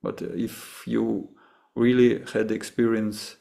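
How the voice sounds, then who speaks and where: Answering questions following a meditation session, a Russian man with a matching accent speaks in fits and starts, often restarting while groping for words. His fairly low voice stays level, gravelly and mellow.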